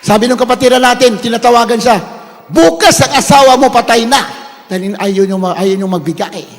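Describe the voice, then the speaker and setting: A man preaching a sermon, telling a story that swings from hushed retelling to shouted praise. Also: very high-pitched, a little fast, long reverb tail.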